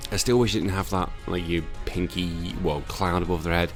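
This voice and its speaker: A man's voice: sits low, fairly even intonation, fairly quick, music in the background. A tired man recovering from illness, casually commentating a Pokemon battle with lots of fillers and self-corrections.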